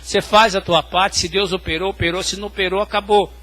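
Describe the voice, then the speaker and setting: This pastor talks fast in a steady, fairly bright voice that sits high. He preaches by recounting hospital stories and speaking to the congregation face to face.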